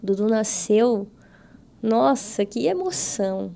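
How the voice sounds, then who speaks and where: High, gravelly Brazilian woman telling a testimony. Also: slow. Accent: Brazilian Portuguese. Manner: animated, acts out quoted dialogue with her voice. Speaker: podcast guest. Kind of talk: testimony storytelling in a casual interview.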